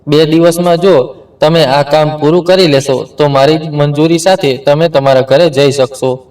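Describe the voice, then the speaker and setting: A man's voice: fairly high pitch, fairly even intonation, normal speed, a little mellow, far from the mic, lightly acted. A man voicing a grave, firm older father. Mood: stern.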